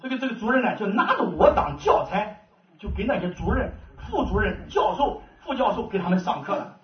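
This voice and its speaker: High, lively man preaching from afar. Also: brisk. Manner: animated storytelling, often laughing. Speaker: preacher giving testimony. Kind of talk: testimony sermon. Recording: dull, echoey, from far off.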